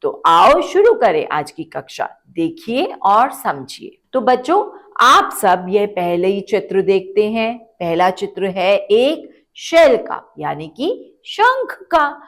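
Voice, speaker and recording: Woman teaching kids phonics, very slow. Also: medium pitch, sing-song, a bit bright. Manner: stretches words and repeats them for children to echo; asks the children questions, then answers. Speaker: children's Hindi teacher.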